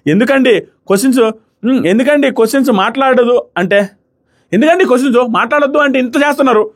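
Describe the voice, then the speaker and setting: A man voicing a loud, stubborn woman housemate who shouts and repeats herself, acting out a reality show quarrel in a casual review. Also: sits high, quick pace, voice pushed up. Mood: shouting angrily.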